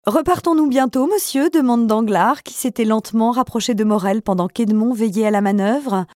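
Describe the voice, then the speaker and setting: A woman narrating a story in a clear, measured way. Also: medium pitch, fairly even intonation, darkish tone, dry recording, clean studio sound.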